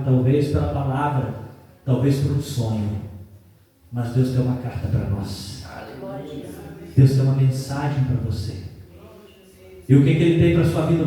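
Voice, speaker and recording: A man's voice: mid-range voice, warm tone. A man with a Brazilian Portuguese accent preaching a sermon as pastor, fervent and story-driven, building to impassioned pleading. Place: church hall. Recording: echoey church hall from far off.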